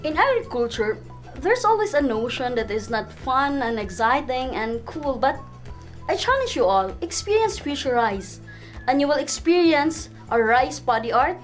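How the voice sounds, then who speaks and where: A woman's voice: sits high, very animated, moderate pace, soft background music. A woman in her twenties with a Filipino accent, a research specialist explaining a program in Tagalog and English. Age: 20s. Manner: mixes Tagalog and English, many restarts. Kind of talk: casual explanation.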